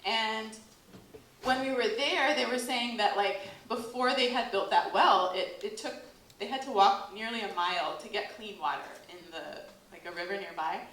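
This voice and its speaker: Speaking at a moderate pace, a woman in her late thirties from the United States addresses a workshop crowd in an event hall with a noticeable echo. Her voice sits in the mid range with a bit of brightness, and her relaxed, talkative delivery is full of "like" fillers and frequent laughter.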